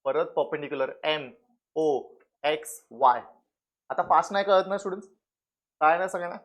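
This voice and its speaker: A math tutor with a Marathi accent runs his class at a brisk clip. He fires short questions at the students and answers them himself, slipping English words in between. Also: a little high. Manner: mixes English into the teaching. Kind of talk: classroom lecture.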